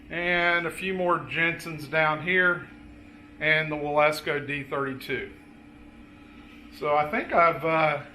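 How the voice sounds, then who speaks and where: A man giving a casual, unscripted show-and-tell tour as a hobbyist, pointing things out item by item in a halting way. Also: fairly high pitch, sharp tone, a little hiss or hum.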